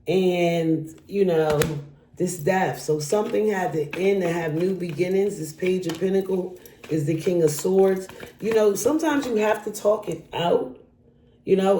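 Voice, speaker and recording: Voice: mid-range voice, warm tone, a little hiss or hum. A tarot reader casually talking through a card spread, speaking straight to the viewer in a chatty way. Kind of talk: casual tarot reading to camera. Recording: echoey room.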